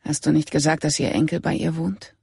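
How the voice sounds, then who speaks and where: A narrator reading a calm, serious male colleague. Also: brisk, gravelly, slightly rough, dry recording, clean studio sound. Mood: hushed. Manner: low-key, steady.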